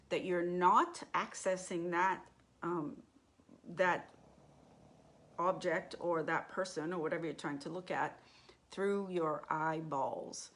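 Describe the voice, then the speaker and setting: A woman's voice: fairly low pitch, a little hiss or hum. A woman teaching a live class on intuition, talking in a conversational way and asking the group questions.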